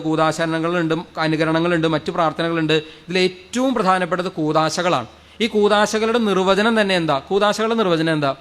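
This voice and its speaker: A fervent, high-voiced male priest gives a sermon before a congregation in a church or prayer hall. He repeats phrases, quizzes the crowd, and alternates loud and soft delivery.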